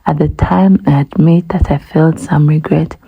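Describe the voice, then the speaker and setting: A woman voicing a crafty, creepy old male crocodile in a storybook read-aloud, sly and breathy. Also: deep voice, steady tone, normal speed, phone-quality sound, full character voice.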